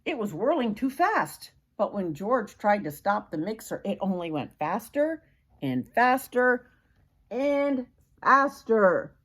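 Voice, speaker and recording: This time the older woman's voice is a little high and a bit bright, very animated but slow. She brings the children's story to life with dramatic emphasis and asides aimed at the little ones.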